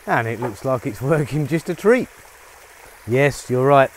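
A little hiss or hum sits under this lapel-mic recording of a middle-aged man speaking with an animated medium pitch at a slightly slow pace. He's outside on his rainy rural farm, working and chatting upbeat to camera for a casual vlog, using many fillers.

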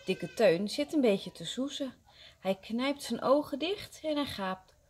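Woman, kindergarten teacher, reading a story aloud, lively pitch, slow unhurried pace. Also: breathy edge.

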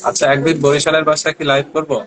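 Young man from Barishal, chatty live seller, slightly high voice, talks right to viewers. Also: level tone, fast talker, fairly bright tone, rough recording. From Barishal, Bangladesh. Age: young adult. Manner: chatty, addresses viewers directly, many fillers. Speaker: live sales host. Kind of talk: casual livestream selling.

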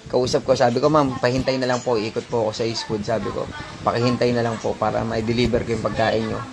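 A man's voice: mid-range voice, level tone, fast talker, vocal fry. A man, a delivery rider, telling viewers in a casual, emphatic way what happened to him. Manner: emphatic storytelling, addressing viewers as sir and bro. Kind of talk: casual first-person account.

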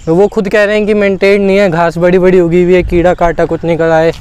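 This Indian travel vlogger in his twenties talks fast and flat in a high, darkish voice as he strolls through an open-air fort ruin. His solo vlog chat is loose and slangy, and he addresses his viewers as "brother." The sound comes through a lapel mic, clear despite the surrounding outdoor noise.

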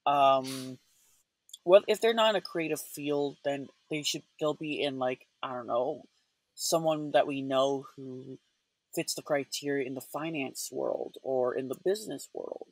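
A man's voice: medium pitch, measured pace, no room sound. A man co-hosting a podcast, musing in casual chat with a thoughtful, rambling manner. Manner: thoughtful, rambling, many fillers and restarts. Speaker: podcast co-host.

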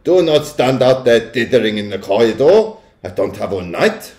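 A man's voice: on the low side, big pitch swings, creaky, echoey room. Man voicing an imperious, menacing storybook witch villain. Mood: snapping impatience. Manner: snapping, drawn-out sinister delivery.

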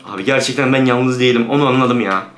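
A man's voice: medium pitch, quick pace, a bit bright. A man giving jumpy, swearing commentary on a horror game to his viewers. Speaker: gaming YouTuber. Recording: roomy room with background music.

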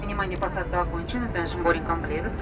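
A female flight attendant making a formal cabin announcement over the loudspeaker. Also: on the low side, steady tone, loud music behind the voice. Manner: formal, rapid bilingual announcement. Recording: distant cabin PA over loud engine noise.

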